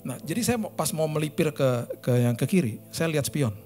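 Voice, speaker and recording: A man's voice: a little high, expressive, a little fast, darkish tone, soft background music. A male pastor with a Jakarta accent telling a personal story in a sermon, casual slang and sound effects.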